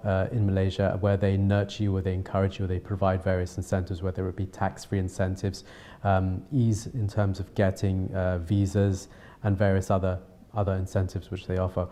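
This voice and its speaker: Low-voiced man with a Home Counties accent. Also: warm tone. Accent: Home Counties English. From south-east England, London and Surrey. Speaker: interviewee, television producer and filmmaker. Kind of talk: unscripted talking-to-camera account.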